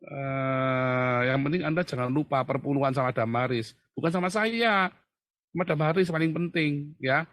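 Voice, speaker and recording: A man giving an animated, mocking livestream monologue, often calling his listeners brothers. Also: fairly high pitch, normal speed, no echo, studio quality. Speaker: livestream commentator.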